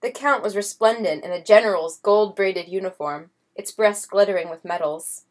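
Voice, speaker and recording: A woman narrating a storybook chapter in a measured reading voice. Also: medium pitch. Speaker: audiobook narrator. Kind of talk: scripted narration.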